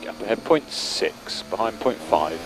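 A man's voice: low voice, lively intonation, a little slow. A male race engineer giving terse, matter-of-fact updates over race car radio. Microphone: radio headset. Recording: noisy team radio, car noise.

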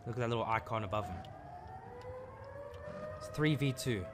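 A man's voice: mid-range voice, normal speed, heavy background noise. A man from South Africa giving casual live commentary while playing a video game, muttering his reactions as he plays. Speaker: gaming channel host.

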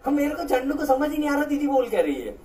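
A man's voice: extremely high pitch, fast, noisy background. A male teacher telling his class a story from his school days, acting out his friends' voices. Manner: animated, acts out friends' voices. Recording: echoey room from far off.

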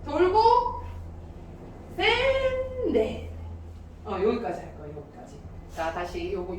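A woman teaching a dance class, calling out counts and giving brisk instructions. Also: slight background noise. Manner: brisk, lively beat counting with high calls. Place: dance studio with mirror. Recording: echoey studio, distant from mic.

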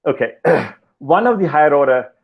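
An older man giving a keynote lecture over slides on a video call, talking in a measured, deliberate way with pauses and fillers. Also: a little high, lively intonation, vocal fry, breathy edge. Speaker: keynote speaker. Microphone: headset, video call. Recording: slightly dull video-call audio.

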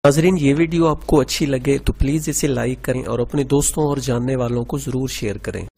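A man's voice: medium pitch, a little fast, creaky, darkish tone, breathy edge. A man hosting a story channel, addressing viewers directly in a friendly intro and outro. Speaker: channel host.

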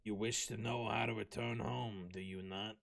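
A man voicing a stern, protective mother goat woman in a lowered, smoky voice, speaking slowly and gravely. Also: fairly even intonation, fairly bright tone, recorded from a distance, a little hiss or hum. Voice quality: smoky, husky. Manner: slow, grave, low warnings.

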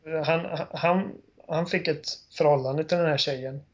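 A man co-hosting a casual game podcast, retelling scenes with animated storytelling. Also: a little high, slightly rough. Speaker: podcast co-host. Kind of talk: casual chat.

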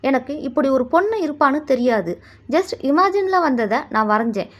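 A woman's voice: sits high, sing-song, normal speed. A woman reading the lines of a young male painter, earnest and insistent.

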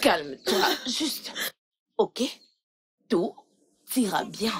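A woman dubbing a film role as a calm older sister who pleads, soothes and repeats herself. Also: medium pitch, very slow, husky, heavily acted. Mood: soothing. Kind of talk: dubbed film acting.

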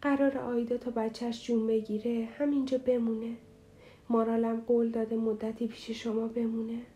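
A woman voicing an earnest young man in an audiobook, speaking in a gently reassuring, tender but determined way. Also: a little high, little pitch movement, close to an everyday voice.

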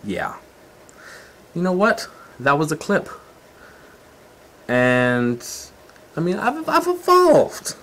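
A man's voice: on the high side, sing-song, extremely slow, pauses often, fairly bright tone, a little hiss or hum. A man from Canada hosting his own video channel, chatting casually and joking in a laid-back way. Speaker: channel host. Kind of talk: casual vlog chat.

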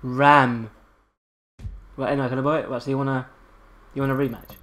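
A young man giving casual, excitable gameplay commentary, swearing and laughing often. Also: mid-range voice, fairly quick, slight background noise. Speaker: gaming channel host.

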